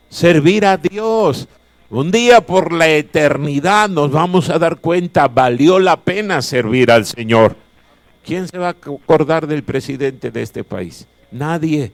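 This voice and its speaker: A man's voice: fairly high pitch, no echo. A male pastor preaching a chapel sermon, emphatic and repeating his key phrases. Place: chapel of a Bible college.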